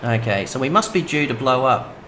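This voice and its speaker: A man's voice: medium pitch, expressive, a little fast. A man with an Australian accent giving casual, rambling let's-play commentary as a game streamer. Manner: chatty, rambling, many fillers. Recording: noisy home stream audio.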